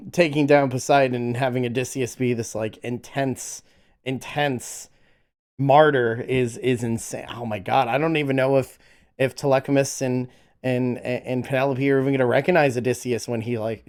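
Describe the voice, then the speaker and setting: A man's voice: mid-range voice, steady tone, moderate pace, a little mellow. A man streaming a casual reaction to music, exclamatory, often stammering and repeating himself as he talks. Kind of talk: casual excited reaction chat.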